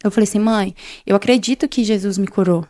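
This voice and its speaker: This young woman, guesting on a faith show, recounts her personal testimony at a quick pace, playing out quoted dialogue as though chatting. Her mid-range voice has a dark tone, and the recording is dry.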